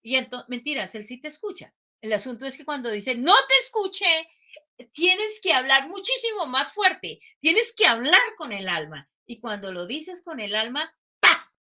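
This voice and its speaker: Mujer invitada de voz brillante y algo aguda, habla enfática y expresiva. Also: female voice, high voice, very animated, moderate pace. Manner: emphatic, acts out shouts and quotes. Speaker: guest, program creator. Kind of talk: casual interview talk.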